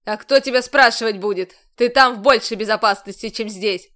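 A woman's voice: medium pitch, little pitch movement, moderate pace, smooth, close to an everyday voice. Woman voicing a stern, scornful male commander. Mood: angry. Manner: harsh, commanding, scolding.

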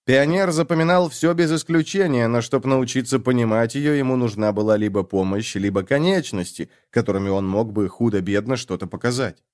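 A man narrating an audiobook chapter with steady, expressive storytelling. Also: medium pitch, brisk, hardly any pauses, no room sound, studio quality. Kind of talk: audiobook reading.

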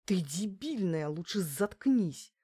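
A woman puts on a slick young gigolo caught out, hostile and loud in his threats. The voice sits low for her and the sound is dry and close, like a storybook read at the mic. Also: animated, normal speed, no echo, lightly acted.

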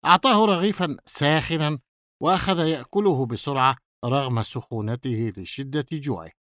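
Male audiobook narrator, measured storytelling read, mid-pitched, dry close-mic sound. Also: fairly bright tone, no echo. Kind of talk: scripted novel narration.

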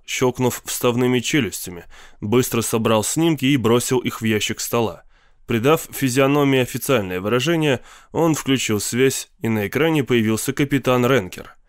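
A man narrating a story in a measured reading voice, performing all the characters himself. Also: mid-range voice, clear, resonant tone, no echo, clean studio sound.

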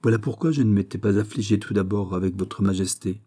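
Brief: male reader as a sly, plotting duchess in an audiobook, dark and husky. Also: lowish voice, a little fast. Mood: insinuating. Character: scheming older duchess, sly and insinuating.

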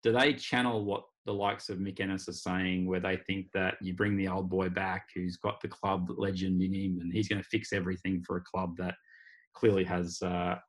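Low-voiced Australian man hosting a podcast. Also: level tone, moderate pace. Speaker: podcast host. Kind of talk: casual sports chat. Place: remote video call.

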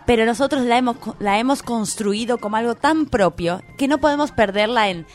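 A woman with a somewhat high voice delivers a comedic radio column. She sounds playful and impassioned, like she is rallying listeners to a campaign. Soft music sits faintly behind her. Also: fairly quick. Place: radio studio.

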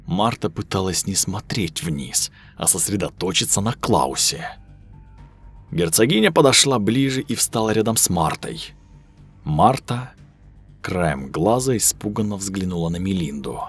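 A man narrating a scripted horror story in a measured, hushed way. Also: lowish voice, slightly rough. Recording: dry studio voice over soft music.

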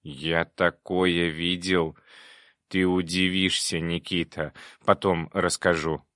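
A man voicing a cheerful, chatty little male demon who talks briskly. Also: low-pitched, flat delivery, a bit bright, dry recording, clean studio sound.

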